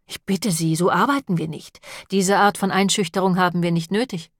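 A woman reading a polite, measured gunman. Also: fairly low pitch, no room sound, studio quality, close to an everyday voice. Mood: composed. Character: calm, professional male gunman, polite.

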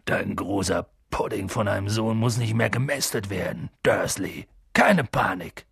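Guy doing big gruff giant gamekeeper, slow gravelly rumble, blows up loud, dry close sound. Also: no room sound, full character voice. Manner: swings from low rumble to loud outrage. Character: huge gruff male half-giant gamekeeper, booming.

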